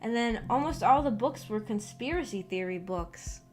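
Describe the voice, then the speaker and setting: This young adult woman's voice is a little high and animated, moving at a moderate pace. She rambles hesitantly through casual livestream talk, often trailing off, with guitar music behind her.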